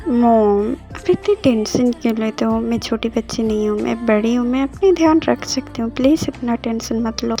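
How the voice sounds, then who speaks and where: A woman's voice: fairly high pitch, fairly even intonation, moderate pace, hardly any pauses, warm tone, faint music behind, natural voice. A woman voicing a young college-going daughter who soothingly reassures her mother, in an amateur voice drama. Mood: reassuring. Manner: soothing, insistent.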